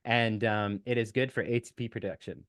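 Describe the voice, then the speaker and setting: A man's voice: lowish voice, brisk, a bit bright, dry recording. Dry-sounding man explaining nutrition science. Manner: explanatory, technical, frequent fillers. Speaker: nutrition expert guest. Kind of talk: casual podcast interview.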